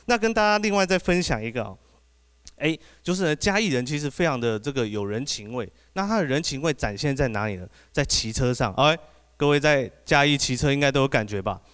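A man with a Taiwanese Mandarin accent doing an animated stand-up set, often asking the audience "you know?". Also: medium pitch, a little fast, clean tone. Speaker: podcast host doing stand-up.

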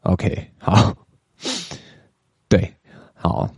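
A young man with a Taiwanese Mandarin accent hosting a podcast, chatting casually and getting animated as he retells a story, with slangy asides. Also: low voice, drawn-out words, husky, dry recording. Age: young adult. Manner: chatty, animated when retelling, mixes in English words and Taiwanese swearing. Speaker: podcast host.

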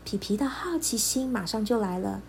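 A woman storyteller narrating a children's storybook in an expressive, lilting voice. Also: medium pitch, slight background noise. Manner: expressive, lilting, slow and clear.

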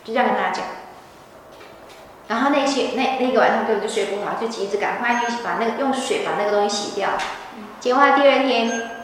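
A woman's voice: on the high side, fairly quick, a little hiss or hum. A woman giving a scripture lecture, telling the story animatedly. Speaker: religious teacher. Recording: echoey hall from far off.

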